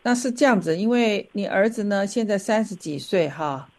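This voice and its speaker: A woman from a church asking short, gentle questions to draw out a member's story. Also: mid-range voice, expressive, normal speed. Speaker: church counselor interviewing. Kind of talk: pastoral conversation.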